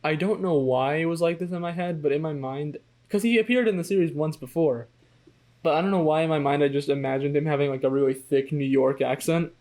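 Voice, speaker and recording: A young man in a casual podcast chat with a slightly higher voice than most men. He jokes around with the others and laughs easily. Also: brisk, a little mellow. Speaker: podcast co-host.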